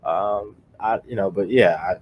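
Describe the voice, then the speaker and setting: A man's voice: fairly low pitch, a little slow, lo-fi sound, slight background noise. A young man co-hosting a podcast, giving his opinions in a rambling, casual way with many fillers and restarts. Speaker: podcast co-host.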